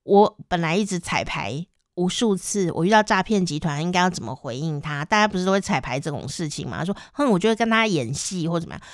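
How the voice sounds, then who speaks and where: A woman hosting a podcast, telling a personal story in a casual, animated way and laughing often. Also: lowish voice, quick pace, hardly any pauses, no room sound, clean studio sound. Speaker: podcast host. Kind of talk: casual chat.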